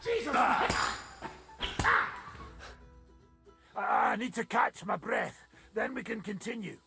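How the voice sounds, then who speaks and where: A man's voice: sits high, moderate pace, vocal fry, sharp tone, breathy edge, soft background music, heavily acted. An actor playing a blunt, middle-aged male sword master in a video game, speaking in a brusque, instructive way and swearing casually. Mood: winded. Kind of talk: game character dialogue.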